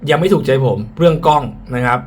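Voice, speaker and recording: A man's voice: fairly high pitch, quick pace. A man speaking through a face mask, slightly muffled, giving a frank, casual product review and often repeating his points. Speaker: tech reviewer. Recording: clear background ambient noise.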